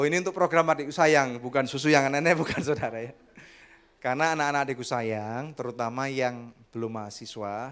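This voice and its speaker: Lively, high-voiced male preacher. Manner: animated preaching with sudden loud bursts and acted-out quotes; addresses the congregation often, jokes and laughs. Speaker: pastor. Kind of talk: sermon. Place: church service.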